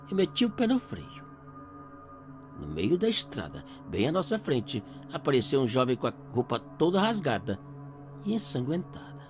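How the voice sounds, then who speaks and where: A man narrating a first-person horror story in a dramatic, suspenseful way. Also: on the high side. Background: faint eerie background music.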